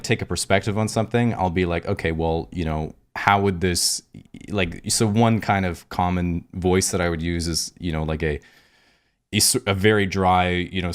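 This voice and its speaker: A man with a very deep voice hosts a casual podcast interview. He talks in long, meandering, reflective turns. His questions build slowly as he thinks aloud. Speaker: podcast host.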